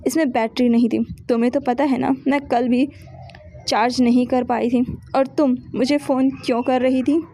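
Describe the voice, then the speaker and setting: A woman reading a gentle soothing young partner. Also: high-pitched, fairly even intonation, moderate pace, dry recording, studio quality. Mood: tender. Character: patient loving young woman, calm and tender.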